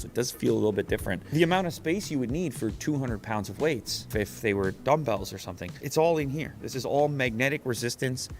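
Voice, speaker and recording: A man presenting a sponsored product demo in an upbeat, demonstrative way. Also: mid-range voice. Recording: voice over clear background music.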